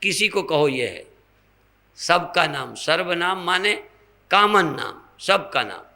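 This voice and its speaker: An older man delivers a spiritual sermon at a very unhurried pace, his voice gravelly and fried at the edges. The tone is bright and forceful, a little higher than most men, and he teaches by posing questions to his listeners. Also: big pitch swings. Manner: slow, teaching with rhetorical questions and examples. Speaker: swami giving a spiritual discourse.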